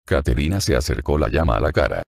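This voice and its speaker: A man reading an audiobook as narrator, measured and even. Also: a bass voice, creaky, dry recording, studio quality.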